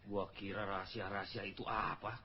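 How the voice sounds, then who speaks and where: A man's voice: fairly low pitch, level tone, brisk, dull audio, very noisy. A Sundanese man performing a comedy sketch, scolding his partner with exasperation and laughter.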